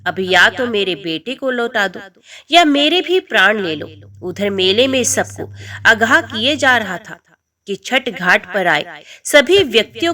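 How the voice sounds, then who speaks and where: Woman narrator, devotional tale, dramatic, lively pitch, bright. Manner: expressive, dramatic. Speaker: storyteller.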